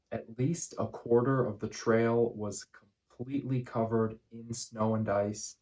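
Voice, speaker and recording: A man giving a casual running vlog recap in measured, deliberate phrases with frequent pauses. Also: lowish voice, a little mellow, poor audio. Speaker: running vlogger.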